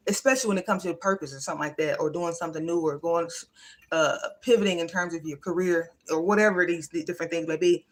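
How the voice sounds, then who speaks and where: A woman hosting a livestream, giving a casual, emphatic motivational talk in a folksy, everyday way. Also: medium pitch. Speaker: livestream host.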